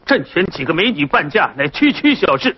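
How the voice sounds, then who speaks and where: A haughty emperor snaps back with scornful commands in a high, swinging voice. The period TV drama sound is dull and lo-fi, with a faint hiss under it. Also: male voice, sing-song, fairly quick. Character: haughty imperious male emperor.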